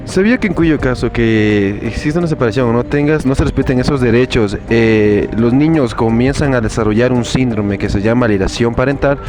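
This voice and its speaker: Male street interviewer, formal questions, music loud behind. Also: mid-range voice, a little fast, few pauses. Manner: formal questioning, some stumbles.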